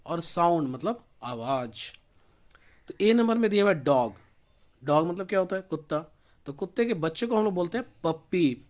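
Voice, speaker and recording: A man teaching an English revision lesson in Hindi, who asks questions and answers them himself and slows down to spell words letter by letter. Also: fairly high pitch.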